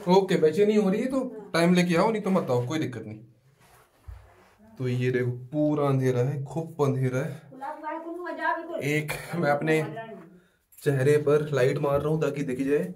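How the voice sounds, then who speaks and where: A man in his thirties, a travel vlogger, talking casually to a camera he holds at arm's length as he walks a hill path and crawls into a narrow dark cave. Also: fairly high pitch, moderate pace, long pauses. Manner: chatty, talks to the camera while walking. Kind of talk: casual travel vlog narration. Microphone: handheld camera at arm's length.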